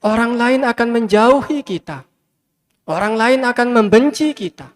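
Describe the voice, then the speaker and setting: A man's voice: very high voice, animated, measured pace. A man, a Buddhist monk, giving a sermon with repeated, emphatic phrases and speaking straight to his listeners. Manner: repetitive emphatic preaching, addresses listeners directly. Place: large hall with many fans. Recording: long hall reverb.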